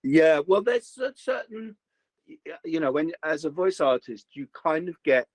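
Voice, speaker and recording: In this casual interview, a male voice-actor guest talks at a moderate pace in a fairly high pitch, tossing in lots of "you know" and starting sentences over. The home-booth recording has no room sound and is low in quality.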